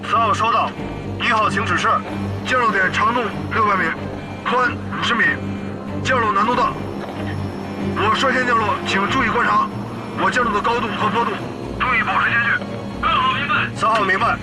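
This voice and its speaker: An actor playing a calm, commanding military pilot, speaking in clipped call-and-response over a cockpit headset radio. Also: male voice, sits high, brisk, long pauses, loud music behind the voice, low-quality recording. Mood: steady, commanding. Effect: cockpit headset radio transmission. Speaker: squadron lead pilot. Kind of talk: period war drama acting. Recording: radio voice under loud aircraft engine noise.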